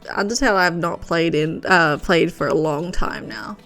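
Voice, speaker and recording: A woman's voice: fairly low pitch, normal speed, fairly bright tone, soft background music. A young woman co-hosting a let's-play, chatting and giggling as she plays and reads the game's text aloud. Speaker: co-host playing a game. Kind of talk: casual let's-play chat.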